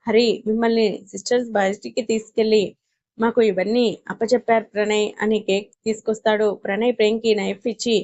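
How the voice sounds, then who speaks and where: A woman's voice: mid-range voice, little pitch movement, a little fast, a little mellow, lo-fi sound. A woman narrating a romance story, reading every character's lines in her own voice. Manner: reads all characters in her own voice with little change.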